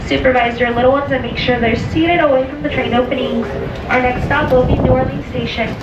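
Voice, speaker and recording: A woman giving a recorded, formal, instructive safety announcement over an outdoor train loudspeaker. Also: steady tone, fairly quick. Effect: played over an outdoor train loudspeaker. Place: open-air train at a theme park. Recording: echoey, distant, dull loudspeaker over loud train noise. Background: loud rumbling train noise.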